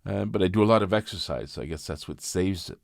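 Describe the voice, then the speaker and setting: Brief: fifties man, deep voice, dry close sound, halting confessional vlogger. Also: vocal fry, no echo. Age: 50s. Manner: halting, reflective, frequent restarts. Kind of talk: candid personal vlog.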